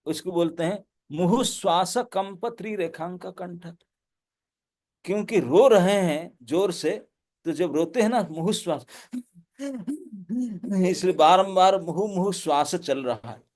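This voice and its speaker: Animated high-voiced male preacher. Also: unhurried. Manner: animated, laughing storyteller. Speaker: monk and preacher. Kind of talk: devotional lecture with storytelling.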